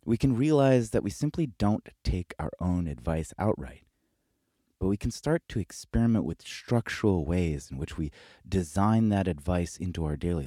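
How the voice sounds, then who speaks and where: A man narrates a scripted video essay in a low, husky voice. His delivery is measured and reflective. The recording is dry and close. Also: dark tone, no room sound.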